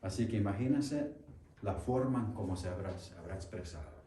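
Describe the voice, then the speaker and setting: A man's voice: lowish voice, dark tone, slight background noise. A male chaplain preaching in a church, putting questions to the congregation and repeating their answers. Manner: slows and rises when reading scripture aloud. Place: church sanctuary. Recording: echoey church hall, mic at a distance.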